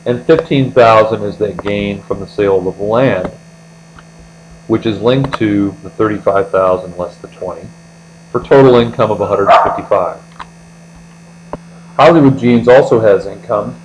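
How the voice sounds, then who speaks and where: In a lowish voice, an American man works carefully through an explanatory accounting lecture, one step after another, as a tutor. This indoor voice-over accompanies a screen recording. The recording is rough, with a steady mains hum.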